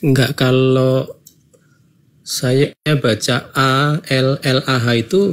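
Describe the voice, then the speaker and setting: A man's voice: medium pitch, little pitch movement, slow pace. A man in an online debate, asking questions in a hesitant way on a video call.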